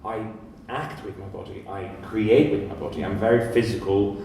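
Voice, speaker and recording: A man with a Greek accent speaks on a live panel, a composer who restarts words often and talks in a slightly low voice. He is heard from some distance in a very echoey art fair hall, with a faint hum behind him. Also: steady tone, vocal fry, warm tone. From Greece. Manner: halting, restarts words often, self-deprecating. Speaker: composer and pianist.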